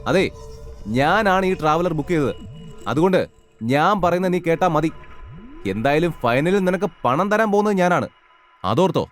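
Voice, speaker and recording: A man's voice: fairly high pitch, animated, normal speed, long pauses, soft background music, pitched above the performer's own voice, close to an everyday voice. A man voicing an arrogant young man who scornfully orders others around. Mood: angry, bossy. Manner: commanding, contemptuous orders.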